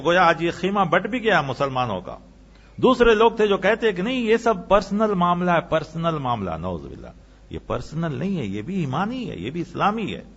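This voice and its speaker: Male preacher, impassioned sermon delivery, animated pitch, muffled lo-fi recording. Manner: impassioned, rising to emphatic peaks then dropping low. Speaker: Islamic preacher.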